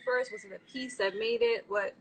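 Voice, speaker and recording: A woman from the Bronx hosting a casual interview, chatty and quick to laugh as she asks questions. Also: fairly high pitch, fairly even intonation, rough recording. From the Bronx, New York. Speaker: interview host. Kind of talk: casual interview over a live stream.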